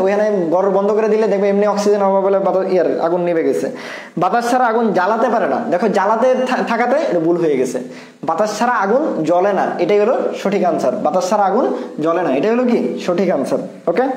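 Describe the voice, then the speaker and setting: A man with a high, quick voice goes through test questions one by one. He repeats key points and keeps asking whether his students follow. The sound carries noticeable room echo. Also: a little mellow. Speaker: admission test tutor. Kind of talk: exam answer walkthrough.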